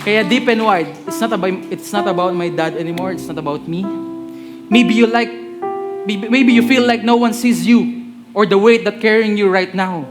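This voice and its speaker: A man's voice: high voice, moderate pace, over loud music. A man from the Philippines, preaching a sermon and switching between Tagalog and English mid-sentence while chatting and joking with the congregation.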